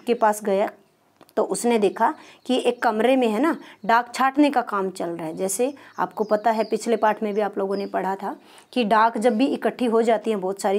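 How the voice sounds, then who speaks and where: A primary school teacher with a medium-pitched, darkish voice walks through her lesson patiently. She keeps asking questions and responding to them herself.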